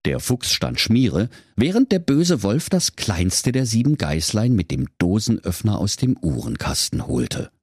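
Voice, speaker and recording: Brief: husky male storyteller, lower voice, playful and animated. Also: measured pace, hardly any pauses, no echo, studio quality. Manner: playful, expressive. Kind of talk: comic storybook narration.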